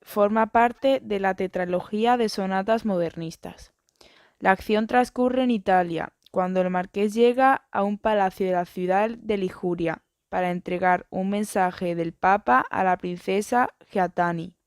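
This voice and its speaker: A woman reading an educational biography and book summaries in a steady, even narration. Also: mid-range voice, a little slow, smooth, no room sound, clean studio sound.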